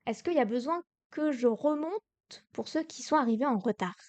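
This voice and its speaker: A woman's voice: high-pitched, animated, normal speed, darkish tone, no room sound. A young woman teaching Korean to beginners on a livestream, explaining each answer patiently and step by step. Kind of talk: livestream lesson.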